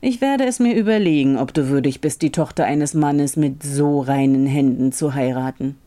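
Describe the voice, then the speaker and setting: A woman voicing a greedy, scheming rich old farmer who is gruff and falsely friendly, in a storybook reading. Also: rumbling low, moderate pace, mellow, voice pushed down.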